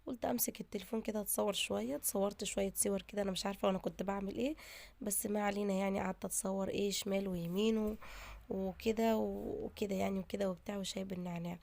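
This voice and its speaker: A woman's voice: medium pitch, fairly even intonation, rapid-fire, vocal fry, darkish tone. A woman with an Egyptian Arabic accent, chatting casually to her viewers in a daily vlog. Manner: chatty, talks straight to viewers. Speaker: vlogger.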